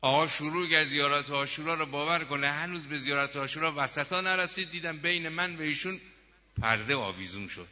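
A man's voice: on the high side, bright, forceful tone. A male preacher giving a sermon through dramatic storytelling, with emphatic appeals to his listeners, recorded muffled in a reverberant hall. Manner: emphatic, rising appeals to the audience.

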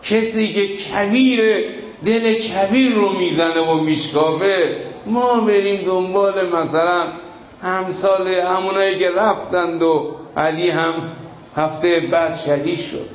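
A man's voice: high-pitched, steady tone. Man preaching a heartfelt sermon. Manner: emotional storytelling with dramatic pauses and sudden rises. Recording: echoey room, dull lo-fi sound, faint noise.

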